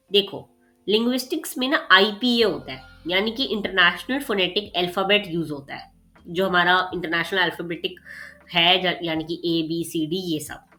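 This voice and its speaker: In a casual exam revision lesson, a woman with a medium-pitched voice explains material while faint music plays behind her. She keeps checking in with "theek hai" and "okay," mixes in English terms, and speeds up and gets louder when she's excited.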